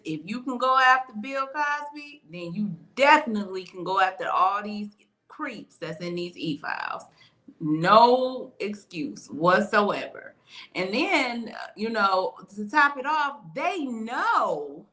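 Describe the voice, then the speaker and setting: Blunt sarcastic woman co-host, bright voice. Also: medium pitch, low-quality recording. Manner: blunt, sarcastic, talks to listeners directly. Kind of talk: casual radio talk show chat.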